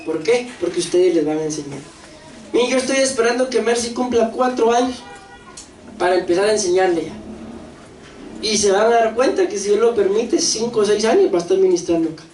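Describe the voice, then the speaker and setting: A pastor with a Costa Rican accent preaching a lively sermon, asking the congregation questions and acting out voices. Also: medium pitch, brisk. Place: church hall. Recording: echoey church hall, distant mic, faint noise.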